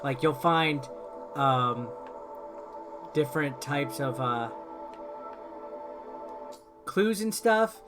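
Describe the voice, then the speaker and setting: Speaking very slowly and pausing often, this man has a fairly high, expressive voice. He's a video host rambling casually through gameplay, explaining each step, with game music in the background.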